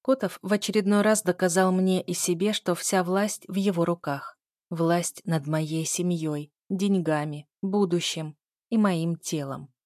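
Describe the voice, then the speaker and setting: A woman's voice: fairly low pitch, steady tone, a little slow, a little mellow, no echo, studio quality. A woman narrating a first-person novel aloud in a tense, emotional reading. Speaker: audiobook narrator.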